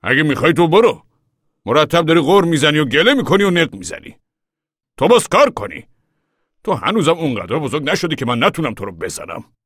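Guy doing a stern old dad yelling at his son, loud and high. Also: sing-song, slightly rough, no echo, studio quality, heavily acted. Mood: angry. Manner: shouting, scolding. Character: stern older father, quick to anger.

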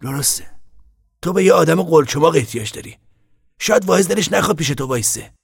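A quick-tempered young man bristles at every remark, as a male reader acts him out. His voice sits high and strained, gravelly and a little husky, pushed loud in a dry close recording. This is audiobook character work. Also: no room sound. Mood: defensive. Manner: indignant, shouting.

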